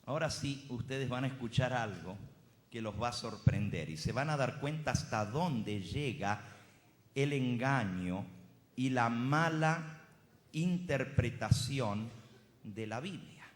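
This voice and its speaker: Guy preaching slow and emphatic, voice swinging up and down a lot, big echoey church hall. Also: mid-range voice, expressive. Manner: emphatic, drawn-out preaching cadence; speaks directly to the congregation. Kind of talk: sermon.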